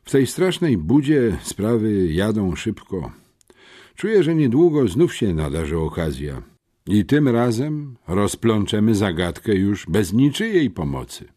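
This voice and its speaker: A man's voice: lowish voice, very animated, unhurried, warm tone, voice pushed up. A man voicing a determined, curt teenage schoolboy detective in an audiobook, speaking firmly. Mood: earnest. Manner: stern, curt.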